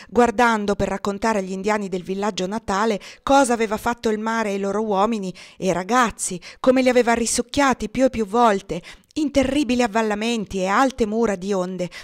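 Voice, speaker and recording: A woman reading a translated memoir aloud as audiobook narration, with slow, dramatic pauses. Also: mid-range voice. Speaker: reader.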